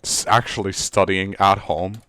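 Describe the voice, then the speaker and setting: A native Serbian speaker in his teens co-hosts a podcast, rambling through casual chat with lots of fillers and restarts. His deep voice holds a steady tone at a measured pace, fairly bright, with no room sound.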